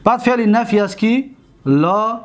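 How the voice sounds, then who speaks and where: A man with a Tajik accent teaching grammar, drawing out and repeating each word form slowly for his students. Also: high-pitched. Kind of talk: grammar lecture.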